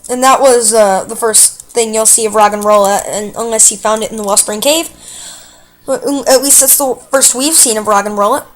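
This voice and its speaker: A woman giving casual, chatty commentary over her own gameplay, talking to her viewers and reacting aloud to what happens in the game. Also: on the high side. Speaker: let's play gamer.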